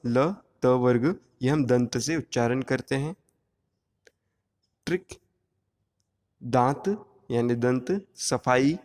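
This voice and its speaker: A male teacher giving an exam-prep grammar lesson, explaining slowly and drawing out each sound one at a time. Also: medium pitch, darkish tone, long reverb tail.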